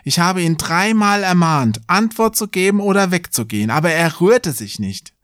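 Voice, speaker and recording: A man's voice: high voice, expressive, normal speed, a bit bright, no echo, clean studio sound, voice pushed up. A man doing a naive, fearless young lad. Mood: earnest. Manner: earnest, plain-spoken.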